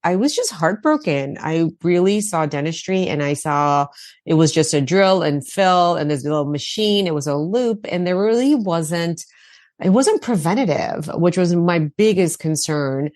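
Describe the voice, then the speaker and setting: A woman from India talks as a dentist guest in an animated, loose way, full of ums and repeated words. Her voice is low for a woman. The recording is dry and close. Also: a little slow, no echo. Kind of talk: casual interview talk.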